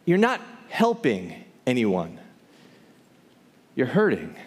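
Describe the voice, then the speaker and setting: Speaking slowly in a mid-range voice with a breathy edge and huge pitch swings, a man delivers theatrical spoken word poetry live to an audience. The rhyming performance is rhythmic, emphatic and impassioned, recorded on stage in a large, reverberant hall.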